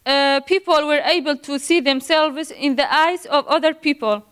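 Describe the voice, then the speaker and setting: A nervous young Iraqi woman reads through a student presentation carefully and formally. Her voice is high and fairly bright, and her delivery stops and starts as she repeatedly restarts words she has stumbled on.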